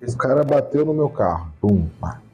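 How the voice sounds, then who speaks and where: A man in a casual podcast chat who asks quick clarifying questions. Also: medium pitch, very animated, darkish tone, muffled recording, soft background music.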